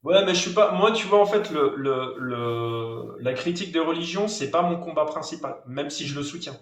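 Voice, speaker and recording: A man in a casual online debate, speaking tentatively and haltingly, often repeating words. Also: on the high side, animated. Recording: roomy echo, distant mic, faint noise.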